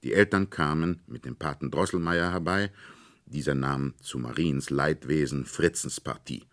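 A man with an extremely deep, gravelly voice reads a classic fairy tale aloud. He is measured and expressive, in an old-fashioned storytelling manner. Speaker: narrator. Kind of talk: storybook reading.

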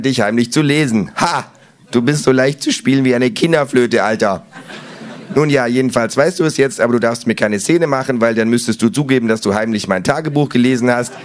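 A man's voice: medium pitch, natural voice. A man voicing a smug, cheeky know-it-all kangaroo in a read-aloud story, with a dry, mocking manner. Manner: dry, mocking, self-satisfied.

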